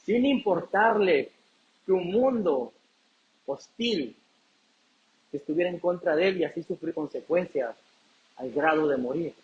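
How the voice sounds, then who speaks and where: Male pastor, high voice, preaching with call-and-response questions; muffled lo-fi sound. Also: lively intonation, a little slow, long pauses. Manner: preaching, asks the congregation questions and answers them. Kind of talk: sermon.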